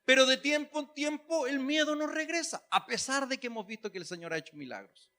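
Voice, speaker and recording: Bright high-voiced pastor preaching. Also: male voice, expressive, fairly quick. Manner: conversational preaching with humor, rising to emphatic calls. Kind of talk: sermon.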